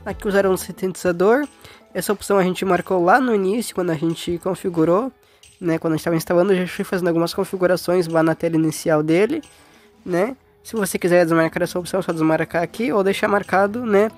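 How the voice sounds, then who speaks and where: A woman's voice: fairly low pitch, fast. Informal Brazilian woman giving a tutorial. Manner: informal, often checking in with short tag questions. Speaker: tutorial host. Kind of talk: casual step-by-step phone tutorial. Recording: faint music behind.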